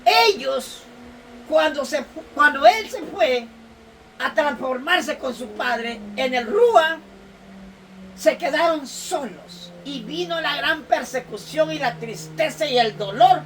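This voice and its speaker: A woman's voice: high voice, lively intonation, slow pace, fairly bright tone. A woman preaching an emotional sermon, reading scripture aloud with tearful sighs and fervent exclamations. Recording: distant mic with faint room noise.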